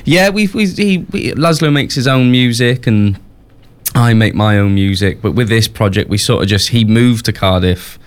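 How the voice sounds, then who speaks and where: A man's voice: medium pitch, normal speed. A young Welsh man from West Wales, a musician guest on a radio show, talking casually with many restarts and fillers.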